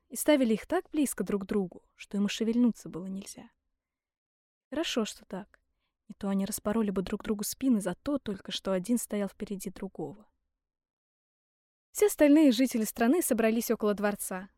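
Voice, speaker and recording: A woman reading a fairy tale aloud in a lively, theatrical storytelling manner. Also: mid-range voice, no room sound, studio quality. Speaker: storybook reader.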